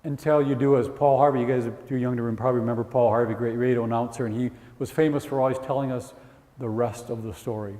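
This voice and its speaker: A man's voice: medium pitch, fast. Middle-aged man lecturing in an echoey hall. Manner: energetic, joking, conversational. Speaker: guest speaker. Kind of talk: humorous lecture to college students. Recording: echoey hall with long reverb.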